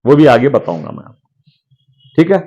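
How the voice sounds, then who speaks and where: A man's voice: moderate pace, lo-fi sound. A man leads a business training session, talking animatedly, calling his listeners sir and acting out little dialogues. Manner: animated, swings pitch, acts out quoted dialogue.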